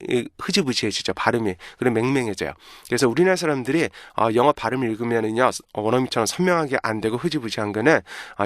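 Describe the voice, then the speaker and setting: Male pronunciation teacher, Korean native, mid pitch, patient drilling delivery, dry recording. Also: no room sound. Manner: demonstrates English words slowly and repeatedly, asks "그죠?" often. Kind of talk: explanatory lesson.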